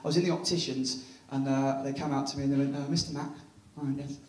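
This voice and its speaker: A man's voice: mid-range voice, little pitch movement, fast, darkish tone. An English man performing a bawdy stand-up comedy set on a theatre stage, punchy and full of tag questions. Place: theatre stage before a laughing audience. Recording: echoey theatre, mic heard from a distance.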